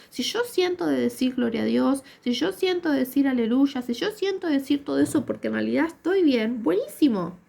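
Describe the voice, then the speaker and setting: Rioplatense woman preacher, high voice with gravelly fry, earnest repetitive emphasis. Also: warm tone. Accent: Rioplatense Spanish. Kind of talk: sermon.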